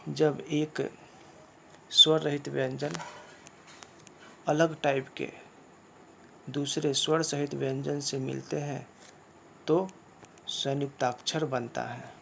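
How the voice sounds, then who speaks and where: Slow, gravelly male Hindi teacher. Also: mid-range voice, flat delivery, pushed and bright, slight background noise. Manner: slow, repetitive explaining with rhetorical questions. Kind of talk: classroom lesson.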